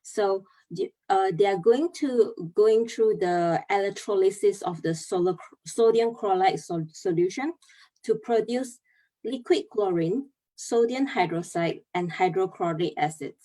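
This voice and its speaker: With a mellow voice at medium pitch, a young Malaysian chemical engineer gives a talk via video call. She is earnest and methodical, stepping through her explanation with many pauses and filler words.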